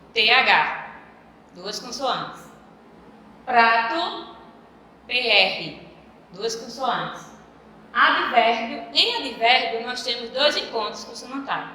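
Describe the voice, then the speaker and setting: A woman's voice: fairly high pitch, pushed and bright, a little hiss or hum. A woman teacher giving a video lesson to young pupils, explaining patiently and repeating key words. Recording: echoey room with long reverb.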